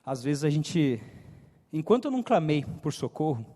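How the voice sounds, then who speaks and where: A Brazilian man in his thirties preaching to young people as a story, with a countryside São Paulo accent, his voice swinging loud and soft. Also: on the high side, very animated, moderate pace. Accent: Brazilian Portuguese, São Paulo countryside. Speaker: youth preacher. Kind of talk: sermon told as a personal story. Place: church hall. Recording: church hall reverb.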